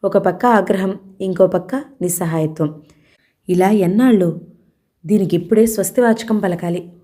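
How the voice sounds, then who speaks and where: A woman reading a novel aloud as audiobook narrator, in steady storytelling narration. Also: medium pitch, normal speed.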